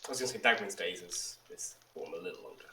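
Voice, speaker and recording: A low-voiced man with a bright tone explains the rules as game master, calm and measured. He sits back from the mic in a roomy space, with faint noise underneath. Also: recorded from a distance.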